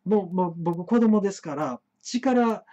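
Kansai man hosting a live stream; rambling storyteller, trips over his words, swooping pitch. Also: lively intonation, unhurried, warm tone. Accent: Kansai Japanese. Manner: chatty, frequent stammered restarts and fillers. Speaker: host of an internet talk show. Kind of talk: rambling solo monologue, storytelling. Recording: muffled live-stream audio.

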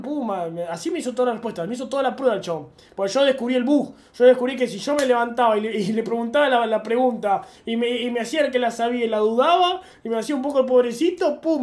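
Young Argentine man telling stories. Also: extremely high pitch. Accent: Argentine Spanish. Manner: slangy, animated anecdote telling. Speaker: streamer. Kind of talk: casual storytelling chat.

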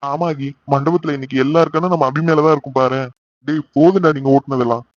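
A man voicing a loyal young best friend in an animated cartoon, full of joking banter. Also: a little high, fast talker, muffled recording, lightly acted. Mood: teasing. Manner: joking, warm-hearted banter.

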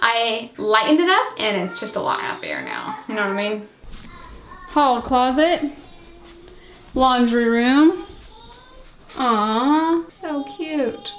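A young adult mom gives a casual house tour vlog in a suburban family house, holding the camera close as she moves through echoey rooms with faint noise. Her high, fairly bright voice swings hugely in pitch, and she talks slowly with frequent pauses. She sounds chatty and wistful, with lots of filler words.

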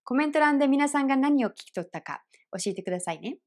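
A woman teaching English pronunciation in an online lesson, explaining clearly and repeating example phrases slowly. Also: high-pitched, lively intonation, darkish tone. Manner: clear, careful explanations with slow repeated demonstrations.

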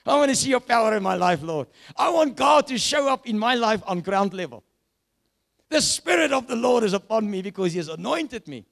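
A South African man preaching a sermon, moving between loud shouts and hushed, dropping asides. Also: very high-pitched, gravelly. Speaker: pastor.

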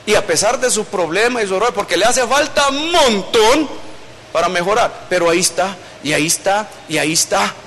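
A man's voice: high-pitched, lively intonation, brisk, a bit bright, slight background noise. A male pastor, preaching a sermon in a conversational storytelling way. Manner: conversational storytelling preaching, acting out quoted voices.

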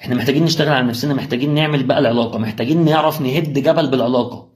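A man's voice: medium pitch, racing. A young man with an Egyptian accent giving a motivational religious talk, firing rhetorical questions straight at the listener. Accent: Egyptian Arabic. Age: young adult. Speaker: preacher.

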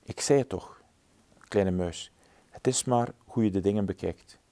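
A man voicing a wise sky-blue bird in a storybook reading, calm and gently instructive. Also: lowish voice, a little slow, dry recording.

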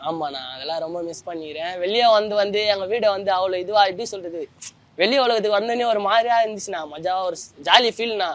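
A man's voice: sits high, fast. A young man, giving a colloquial personal account as a former prisoner, often trailing off as he searches for words. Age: young adult.

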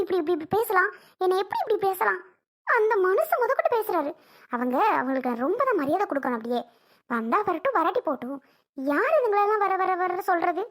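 Woman playing a high-voiced aggrieved young mother. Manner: emotional, repetitive complaining. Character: anxious young mother wronged by her brother's family. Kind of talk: family drama skit.

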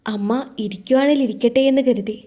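A woman voicing a gentle, grieving young wife in an audio story, speaking softly and hesitantly. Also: a little high, a little fast, lightly acted. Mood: hurt, pleading.

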